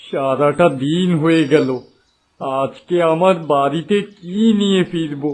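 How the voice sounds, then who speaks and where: A man voicing a poor, kind-hearted village father in a cartoon, speaking gently. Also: on the high side, a little slow, slight background noise, lightly acted. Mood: worried. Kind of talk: cartoon voice acting.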